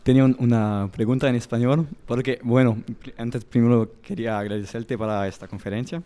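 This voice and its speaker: A man asking a hesitant, halting question from the audience at a live bar talk. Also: mid-range voice, steady tone, warm tone, clear, resonant tone.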